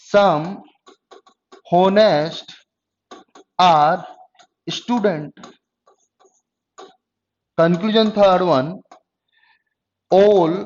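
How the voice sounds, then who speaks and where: A male tutor giving an exam-prep lecture in Hindi with English phrases, dictating slowly and often checking whether students have understood. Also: sits high. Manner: slow, drawn-out dictation of English phrases, frequent "got it?" checks. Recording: dull lo-fi lecture audio.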